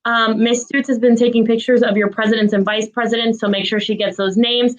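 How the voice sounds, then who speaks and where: Brief: a woman with a slightly high voice running down weekly staff notices, matter-of-fact, with filler pauses. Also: level tone, muffled recording. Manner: brisk, businesslike, frequent "um" fillers. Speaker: school administrator giving staff announcements. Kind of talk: reading a list of staff announcements.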